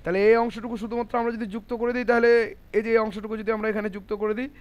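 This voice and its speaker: A male teacher with a fairly high voice guides an online class through pronunciation. He is patient and methodical, repeating each point and drilling syllables slowly. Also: level tone, highs cut off.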